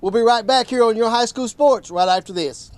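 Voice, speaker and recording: A man hosting a high school sports TV show, friendly and easygoing as he sets up an interview. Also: a little fast, a little hiss or hum. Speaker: host.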